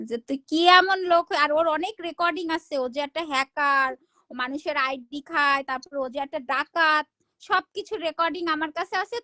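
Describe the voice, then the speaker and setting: Loud teasing woman on a dry phone mic. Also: high voice, dry recording. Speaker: live stream host. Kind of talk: casual live chat.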